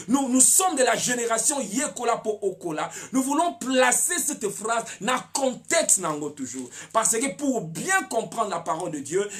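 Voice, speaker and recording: Pasteur prêcheur à la voix très animée. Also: male voice, very high-pitched. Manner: preaching with shouted peaks and many repeated words. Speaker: pastor. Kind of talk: sermon.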